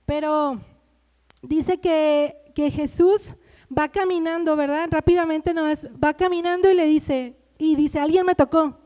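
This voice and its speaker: A woman's voice: sits high, steady tone, a little slow, mellow, big-room sound. A woman with a Mexican Spanish accent preaching a sermon in a conversational way, often asking her listeners "¿verdad?".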